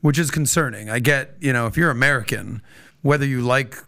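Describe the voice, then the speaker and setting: A man's voice: medium pitch, a little fast, gravelly, a bit bright, no room sound, clean studio sound. A man co-hosting a podcast, asking direct, conversational questions. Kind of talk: interview questions.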